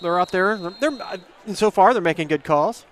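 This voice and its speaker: Chatty man, high-voiced football color commentator. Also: lively intonation. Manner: chatty, agreeable, quick to laugh. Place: press box at a football stadium.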